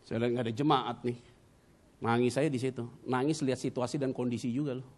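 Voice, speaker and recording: A man's voice: medium pitch, steady tone, quick pace. Middle-aged man preaching with dramatic bursts. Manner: dramatic personal storytelling with sudden loud bursts; mixes in English words. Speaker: pastor. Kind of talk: sermon.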